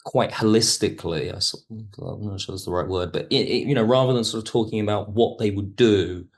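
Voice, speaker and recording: This man, a guest who writes audio drama, speaks a little fast in a lowish voice. The setting is a reflective podcast interview, where he circles back and rephrases as he works through his explanations.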